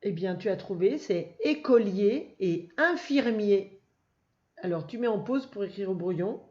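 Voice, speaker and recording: Slow, patient woman teaching a reading lesson. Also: medium pitch, animated, a little mellow. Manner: slow, patient and encouraging, praising the child. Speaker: first-grade teacher. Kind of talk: recorded reading lesson for young children. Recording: dull lo-fi, faint noise.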